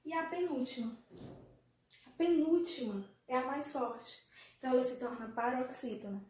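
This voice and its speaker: With a high, slightly mellow voice at a moderate pace, a Brazilian woman leads a remote primary school class in a Brazilian Portuguese accent. She addresses the pupils affectionately and asks them questions. The recording has room echo and faint noise.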